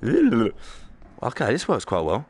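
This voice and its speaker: A man's voice: medium pitch, wildly swooping pitch, takes it slowly, darkish tone, breathy edge. A man giving chatty, joking live commentary while streaming a horror game. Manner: chatty, joking, reads game lines aloud. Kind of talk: live let's-play commentary.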